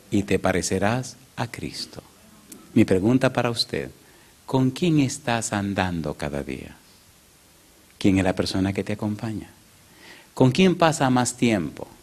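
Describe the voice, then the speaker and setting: A male pastor preaching a sermon, telling a story and acting out its characters' voices. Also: lowish voice. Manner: animated, acts out the voices in his story. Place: church.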